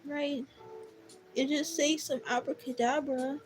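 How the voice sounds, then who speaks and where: A woman's voice: high-pitched, steady tone, unhurried, music in the background, low-quality recording. A woman artist chatting casually and teasingly while she draws, giggling and tripping over repeated words. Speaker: artist streaming a drawing session. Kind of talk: casual chat while drawing.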